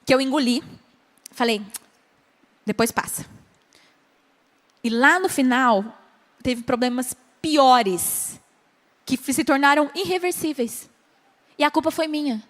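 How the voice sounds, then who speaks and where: A Brazilian woman pastor teaching at a conference, animated, acting out short dialogues and asking the audience questions. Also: high-pitched. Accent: Brazilian Portuguese. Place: large conference hall. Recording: long hall reverb.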